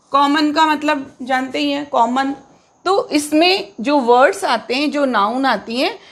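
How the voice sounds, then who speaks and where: A woman with a high, light voice teaches a grammar lesson. She explains patiently, repeats key words and asks her pupils questions along the way. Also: fairly bright tone. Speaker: English teacher.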